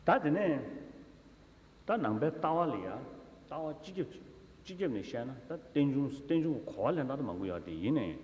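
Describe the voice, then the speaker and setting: A Tibetan man giving a Buddhist teaching in turns with an interpreter, speaking haltingly with repeated words and filler syllables. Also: mid-range voice, sing-song, muffled recording. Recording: echoey hall, long reverb, faint noise.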